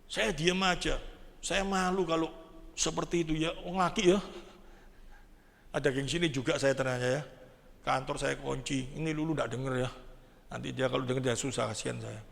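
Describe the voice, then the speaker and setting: A man's voice: mid-range voice, steady tone, normal speed, vocal fry, pauses often, a bit bright, big-room sound. A man preaching a sermon as pastor, often asking the congregation questions. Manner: asks the congregation rhetorical questions. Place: church sanctuary.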